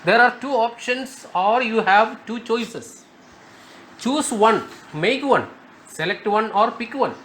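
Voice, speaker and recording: Slow, high-voiced man teaching grammar. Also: animated, a bit bright, a little hiss or hum. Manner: slow, emphatic, repeats key words. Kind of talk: spoken grammar lesson.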